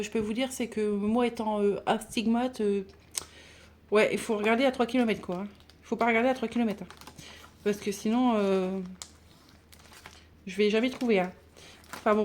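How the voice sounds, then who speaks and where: A woman vlogging casually about her budget binders, chatty and halting with many fillers and restarts. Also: a little high, darkish tone, a little hiss or hum. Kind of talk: casual chat showing binders.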